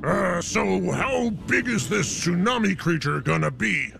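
Man playing a gravelly pirate captain, hammy and boastful, slow drawl, music underneath. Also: sits high, expressive, exaggerated voice. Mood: rowdy. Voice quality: gravelly, growling "arr". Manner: hammy and boastful, barks orders. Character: gruff swashbuckling male pirate captain.

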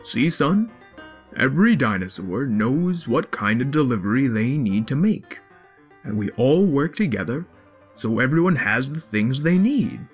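A woman voicing a stern father dinosaur in a storybook, firm and lecturing in a lowered voice. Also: big pitch swings, measured pace, husky, soft background music, heavily acted. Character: stern, set-in-his-ways father dinosaur. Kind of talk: storybook character voice.

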